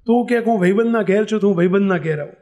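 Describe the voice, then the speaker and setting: High pitched monk guy telling a story in his sermon, gets emotional and quiet. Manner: emotional, intimate, slows for emphasis.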